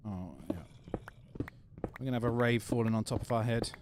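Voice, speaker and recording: A man's voice: medium pitch, steady tone, brisk, noisy background. A man with a London accent chatting casually on a gaming livestream, answering viewer questions in a laid-back way. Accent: London English. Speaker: gaming streamer.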